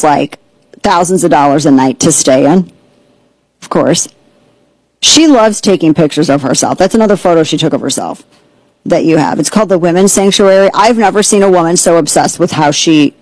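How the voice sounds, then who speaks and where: A woman hosting an opinionated political commentary show, sarcastic and mocking, with quick asides. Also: on the low side, a little mellow, no room sound, low-quality recording. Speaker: host.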